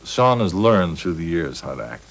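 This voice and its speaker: A man's voice: low-pitched, big pitch swings, normal speed, creaky. A man in an interview, wry and teasing as he tells a story.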